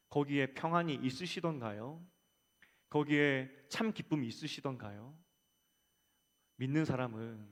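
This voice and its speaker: Reverberant male preacher in a church. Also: mid-range voice. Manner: swells louder on appeals, drops soft at ends of phrases. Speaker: pastor. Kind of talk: Sunday sermon. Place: church sanctuary.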